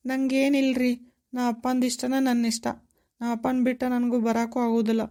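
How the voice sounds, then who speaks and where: A woman's voice: a little high, completely flat delivery, moderate pace, dark tone, natural voice. A woman voicing a devoted young village woman. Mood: earnest. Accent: North Karnataka Kannada. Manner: pleading, tearful, insistent. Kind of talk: cartoon voice acting.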